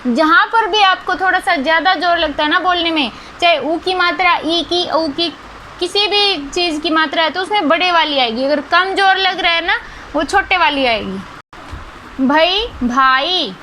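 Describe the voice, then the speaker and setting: A young woman teaches a school lesson in a very high, bright voice. She explains patiently and keeps checking in with her listeners. A faint hiss sits under the close recording. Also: normal speed, low-quality recording. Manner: patient, repeats key words with frequent "ठीक है" and "है ना".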